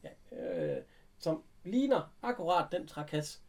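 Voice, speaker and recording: A man chatting casually, retelling an episode with animated bits of acted dialogue. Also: a little high. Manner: animated retelling, acting out characters' lines. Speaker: recapping a TV episode. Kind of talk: casual chat.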